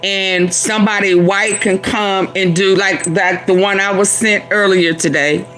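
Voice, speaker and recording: Host, female; slow, sharp tone, halting delivery. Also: medium pitch, fairly even intonation, faint music behind, poor audio. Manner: halting, restarts. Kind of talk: commentary on clips.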